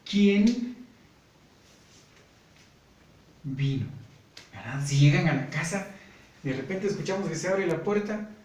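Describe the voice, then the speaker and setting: A man with a Guatemalan Spanish accent teaching a grammar lesson slowly and patiently, often checking in with "¿verdad?". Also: a little high. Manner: patient, repeats points, often asks "¿verdad?". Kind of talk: slow classroom grammar lesson. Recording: echoey room, voice from far off, faint noise.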